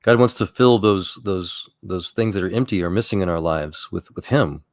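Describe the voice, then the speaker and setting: A man with a somewhat low voice talks in a relaxed, chatty way. He wanders through personal anecdotes, restarting phrases and chuckling as he goes. The sound is dry and close. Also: moderate pace, no room sound. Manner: rambling storyteller, frequent restarts and chuckles. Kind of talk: casual chat.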